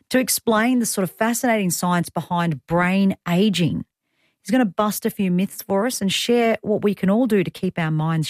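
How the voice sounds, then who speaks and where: Here a radio host, an Australian woman in her thirties, talks through the show's rundown with personal remarks along the way. She speaks on the lower side. It's a dry, studio-quality recording made on a studio mic in a radio studio.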